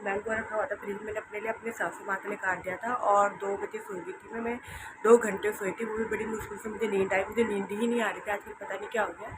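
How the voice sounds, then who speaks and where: A young woman talks through her day at home in a casual vlog. Her voice is hoarse and tired, and she rambles softly, repeating herself, at a middling pitch. Clear background noise runs under the recording. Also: little pitch movement, fast. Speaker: vlogger.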